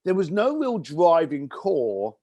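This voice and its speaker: Give me a man, recorded dry and close, telling stories in an interview. His voice sits a little high and climbs and falls all over the place as he acts out the people in his stories. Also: sing-song, slow pace, mellow, dry recording, dull audio. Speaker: guest. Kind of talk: animated storytelling in an interview.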